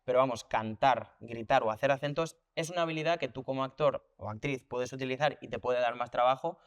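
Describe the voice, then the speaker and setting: A man's voice: mid-range voice, a little fast, dry recording. A man from who teaches voice and acts, speaking reflectively in an interview and repeating words as he thinks things through. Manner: reflective, thinks aloud with restarts and repetitions; explains with hands-on examples and comparisons. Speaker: voice teacher and actor. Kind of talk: conversational interview.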